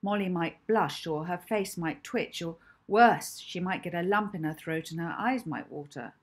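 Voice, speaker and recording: A woman author reading her children's novel aloud in an expressive, animated storytelling manner. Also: on the low side, normal speed, slightly rough. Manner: animated storytelling, acting out lines. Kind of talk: expressive audiobook narration.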